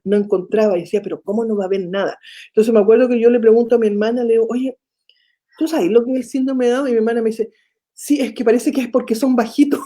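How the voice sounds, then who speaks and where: A middle-aged woman with a Chilean accent tells her story in an animated way, slipping into the voices of the people she quotes. Her voice sits a little high and sounds warm and mellow. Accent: Chilean Spanish. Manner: animated, acts out quoted dialogue. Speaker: foundation founder and mother. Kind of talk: interview storytelling.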